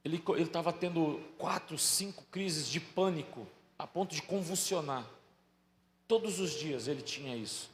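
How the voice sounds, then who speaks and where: A middle-aged man, preaching a sermon as a pastor, telling stories that swing from soft asides to loud bursts. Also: fairly high pitch, moderate pace, slight background noise. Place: large church hall. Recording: echoey hall with faint ambience.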